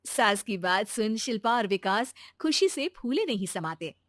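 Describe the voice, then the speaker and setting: A woman storyteller reading scripted narration for an animated moral story. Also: mid-range voice, a little slow, no room sound, studio quality.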